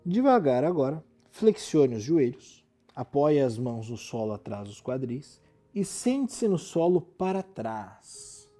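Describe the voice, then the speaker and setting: Soothing Brazilian man, very mellow voice. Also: medium pitch, a little slow, soft background music. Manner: calm, soothing, gently instructing. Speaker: yoga instructor. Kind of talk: guided yoga relaxation instruction.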